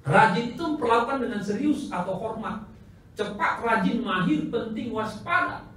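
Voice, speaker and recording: A pastor teaching at a church seminar, his fairly high voice swinging widely as he acts out the dialogue in his stories. He sounds a little distant from the microphone, and the hall's long echo hangs around every word. A faint background hum sits underneath. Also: moderate pace. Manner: animated storyteller who acts out dialogue and laughs. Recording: echoey hall recording from afar.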